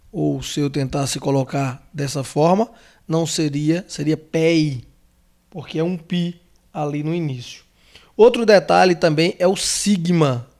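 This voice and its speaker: A Brazilian man teaching a lesson, walking through letters slowly and carefully, repeating names and checking in with the listener. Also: fairly high pitch, a little mellow. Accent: Brazilian Portuguese. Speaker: theology teacher. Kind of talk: whiteboard lesson on the Greek alphabet.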